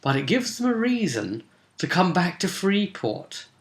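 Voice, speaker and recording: In a roomy, echoing recording, a man with a high, sing-song voice talks a little slowly as he recaps a tabletop role-playing session he ran as game master. He's a vidcast host and tells it chattily, like an informal story, briefly acting out bits of dialogue.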